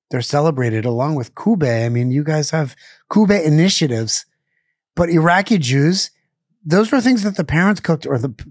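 A middle-aged chef, born in Israel and raised in Pittsburgh, chats casually in an interview, rambling with lots of fillers, restarts and self-corrections. His voice is medium-pitched and a little mellow, on a dry, studio-quality recording.

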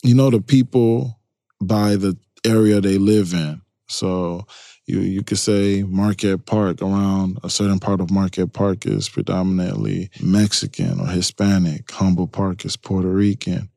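An interview guest raised between Chicago and Nigeria talks in an unhurried, low, mellow voice with vocal fry and fairly even intonation, explaining emphatically in a conversational way. The clean studio recording has no room sound.

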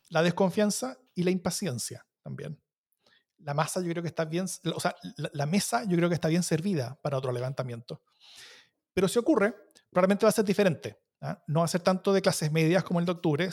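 A man's voice: a little high, a little fast, darkish tone. A man with a Chilean accent hosting a panel discussion, thoughtfully laying out questions. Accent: Chilean Spanish. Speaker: host.

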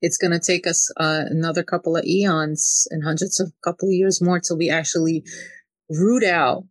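A Ukrainian woman, a spiritual channeler appearing as an interview guest, talks about spiritual matters in a fairly low, steady voice at a moderate pace. She often drops in "you know" as she goes. The recording is dry.

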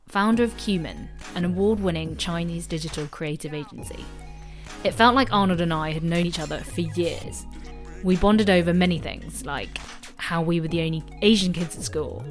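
Woman host, lowish voice, reads intro over faint music. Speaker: podcast host. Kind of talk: scripted show intro.

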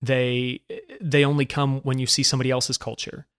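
A British-born man with an American accent talks casually, shifting between quick and slower stretches and breaking into laughter. The recording is dry and close, with no room sound. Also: medium pitch, smooth, dry recording. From Britain. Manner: animated, laughs often, rapid asides. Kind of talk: casual chat.

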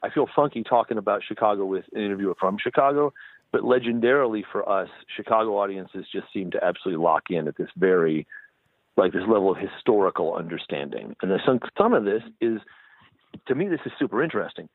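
A middle-aged touring musician rambles through a phone interview as a guest, often ending his points with "right?". His voice is lowish and fast with lively intonation, and the tinny phone line is dry with no room sound.

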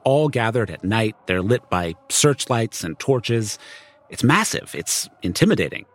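A man with a slightly bright, mid-range voice narrates a scripted documentary podcast as its narrator and reporter. His delivery is conversational and story-like, with music playing in the background.

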